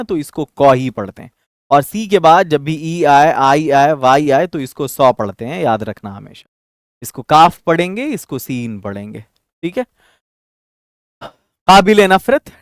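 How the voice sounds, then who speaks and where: A man's voice: fairly high pitch, clear, resonant tone, dry recording, clean studio sound. A man teaching an online Urdu vocabulary lesson for exam candidates, going word by word, repeating terms and checking in with "okay". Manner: explains word by word, repeats terms, mixes Hindi, Urdu and English; frequent fillers and "theek hai" check-ins.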